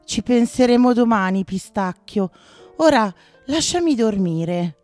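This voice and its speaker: Woman doing a high fussy little skunk. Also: big pitch swings, a little slow, faint music behind. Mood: sleepy. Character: sleepy, fretful female skunk friend. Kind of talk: children's storybook reading.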